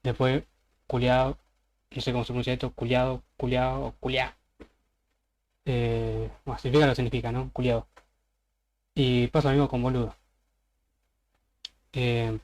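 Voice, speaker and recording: With an Argentine accent, a man casually explains slang word by word, giving examples in an informal presentation on a voice chat server. His medium-pitched voice is flat, a little mellow, and fairly quick, with frequent pauses.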